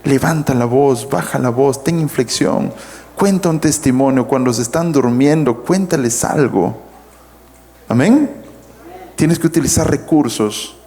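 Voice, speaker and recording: Warm-toned and mid-range, the pastor's voice moves a little slowly as he teaches a sermon in a Peruvian Spanish accent. He is emphatic, letting his voice swing up and down as he calls out to the congregation.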